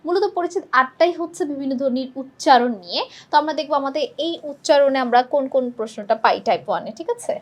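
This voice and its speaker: High-pitched woman teaching exam prep, asks her own questions then answers them. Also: fast talker.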